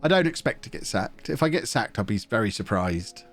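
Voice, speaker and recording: With faint music playing behind him, a man with a lowish, fairly bright voice talks quickly and expressively on a live stream. He jokes around, hums to himself and reads viewer messages aloud while playing a football management game, his nose slightly blocked.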